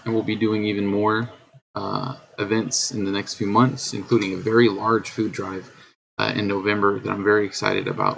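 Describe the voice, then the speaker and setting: Gravelly low-voiced man chatting on stream. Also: slight background noise, low-quality recording. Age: middle-aged. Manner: chatty, hums and scats while waiting. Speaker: streamer host. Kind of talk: casual live-stream chat.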